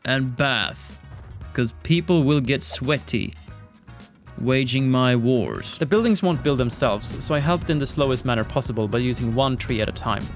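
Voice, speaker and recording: A man narrating his game from a script in a dry, sardonic way, with a mid-pitched voice. Faint game music plays underneath. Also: lively intonation, moderate pace. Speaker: gaming channel host.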